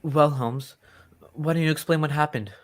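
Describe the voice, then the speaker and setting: An actor playing a genial, loyal and excitable English gentleman doctor who tells stories in old-time radio drama style. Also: fairly high pitch, normal speed, close to an everyday voice. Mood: alarmed, indignant. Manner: genteel, old-fashioned storytelling.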